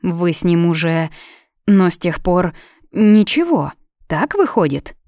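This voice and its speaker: A woman voicing a kindly, chatty maid who speaks in a gentle, reassuring way. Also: on the low side, very animated, takes it slowly, dry recording, clean studio sound. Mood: soothing.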